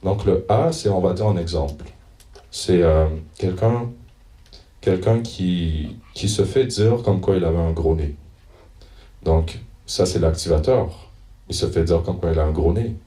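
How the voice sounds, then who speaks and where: A man preaching in an informal, hesitant way, pausing to look through his notes and read passages aloud. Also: deep voice, dark tone. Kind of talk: informal church teaching. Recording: echoey room, mic at a distance.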